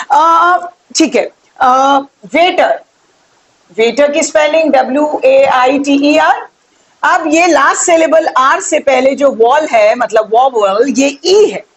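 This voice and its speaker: A young woman with a high-pitched voice teaches an English grammar lesson, explaining slowly, spelling words out letter by letter, and asking her viewers questions.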